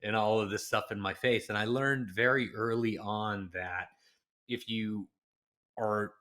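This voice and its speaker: A man from Los Angeles speaks as a podcast guest in a slightly low voice. He is an animated storyteller who jumps into little acted-out quotes along the way, keeping his talk lively and conversational. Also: unhurried. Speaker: interview guest. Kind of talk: podcast interview.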